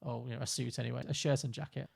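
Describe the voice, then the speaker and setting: A man's voice: mid-range voice, fairly even intonation, racing, vocal fry, slightly rough. A man co-hosting a podcast, chatting casually about a film and retelling its plot with quoted lines. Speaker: podcast co-host.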